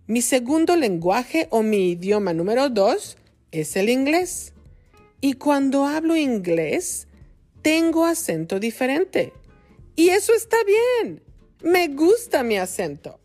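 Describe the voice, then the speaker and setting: A Mexican woman hosts a podcast for Spanish learners, enunciating each word with deliberate care. She talks very slowly, and her pitch rises and falls in a lively, animated way. Faint music plays softly behind her voice. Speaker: podcast host and Spanish teacher. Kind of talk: slow, clear teaching podcast for learners.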